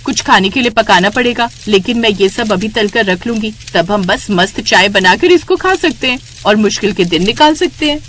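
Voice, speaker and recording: A woman's voice: mid-range voice, expressive, moderate pace, few pauses, a bit bright, slight background noise, close to an everyday voice. A woman voicing a naive, melodramatic young daughter-in-law in a cartoon story. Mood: pleading. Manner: pleading, melodramatic.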